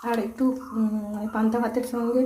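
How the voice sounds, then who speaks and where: A hoarse woman chatting casually to her viewers as friends while cooking at home. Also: on the high side, level tone, brisk, mellow, roomy sound, a little hiss or hum, poor audio. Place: home kitchen. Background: frying and sizzling.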